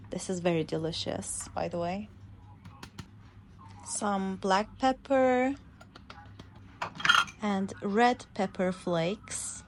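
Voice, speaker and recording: Slow-speaking woman. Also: mid-range voice, noisy background. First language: Turkish. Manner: plain, simple sentences describing each step. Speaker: English teacher narrating a cooking video. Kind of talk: slow narration for language learners.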